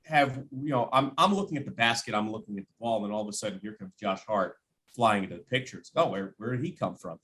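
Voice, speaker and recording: Fast and a bit bright, a lowish male voice delivers animated basketball talk as a guest on a podcast, drawing on his job as a radio play-by-play announcer. The tone is conversational and emphatic, with repeated phrases and imagined quotes voiced aloud. Some hiss or hum is audible.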